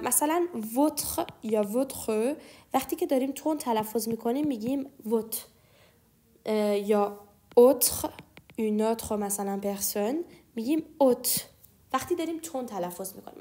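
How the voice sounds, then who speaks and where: High-voiced woman teaching French. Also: dark tone. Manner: slows down to spell out French phrases. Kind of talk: explaining lesson.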